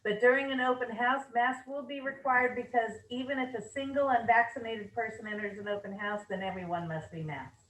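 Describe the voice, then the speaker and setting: A woman's voice: fairly high pitch, fairly even intonation, brisk, fairly bright tone, slight background noise. A woman leading an office meeting, reading rules aloud with upbeat asides and fillers, her voice a little worn. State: losing her voice. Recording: roomy, mic at a distance.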